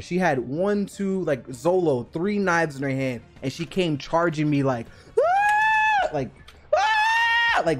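Young man telling a story animatedly. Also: on the high side. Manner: animated, acts out scenes, many fillers. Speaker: vlogger. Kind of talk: casual storytelling.

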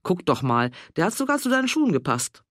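A gentle, hesitant woman in her sixties, put on by a male reader, answers softly and a little apologetically. The voice sits somewhat higher and moves in a lively way. The sound is dry and close. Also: fast, dry recording. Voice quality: soft-spoken, hesitant and apologetic. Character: mild, hesitant older married woman, easily embarrassed. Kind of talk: audiobook character voice.

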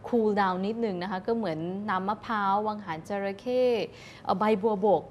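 A woman's voice: mid-range voice, fairly even intonation, moderate pace, dull audio, a little hiss or hum. A woman guest on a TV talk show, explaining health advice politely and patiently, mixing English terms into her speech. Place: TV studio.

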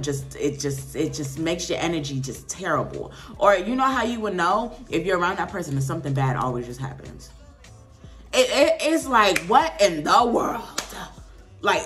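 A young woman, giving an animated, preachy casual talk to the camera as a vlogger. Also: mid-range voice.

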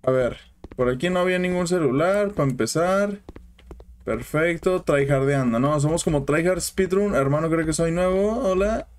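A man's voice: on the high side, moderate pace. Jumpy Mexican gamer man yelping at scares. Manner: jumpy, yelps and swears at scares, chatty with viewers. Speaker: gaming channel host. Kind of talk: casual horror game commentary.

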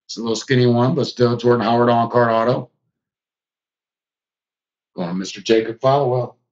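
A man's voice: mid-range voice, fairly even intonation, normal speed, darkish tone, lo-fi sound. Casual man hosting a live card break. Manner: chatty, talks to viewers by name.

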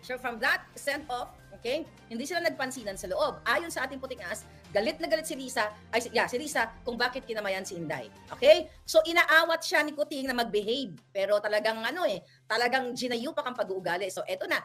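Bright-voiced woman, mocking gossip vlog. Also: a little high, expressive, a little fast, soft background music. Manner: chatty and mocking, with teasing nicknames and frequent laughs. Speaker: vlog host. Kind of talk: gossipy political commentary vlog.

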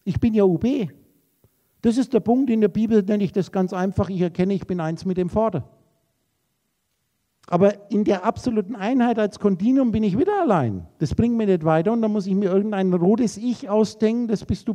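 A man's voice: sits high, brisk, dark tone. A man giving a spiritual lecture to a live audience, rambling through associative wordplay on names and letters and talking to his listeners directly and informally. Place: lecture room.

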